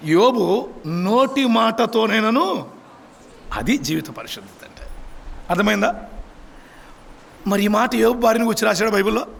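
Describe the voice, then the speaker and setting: A man's voice: sits high, creaky. A man preaching, emphatic and constantly questioning his congregation. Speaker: pastor. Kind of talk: sermon. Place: church.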